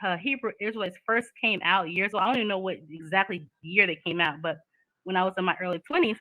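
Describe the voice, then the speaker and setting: A woman's voice: mid-range voice, quick pace, sharp tone, no echo, poor audio. A woman, talking candidly in a casual chat and laughing often.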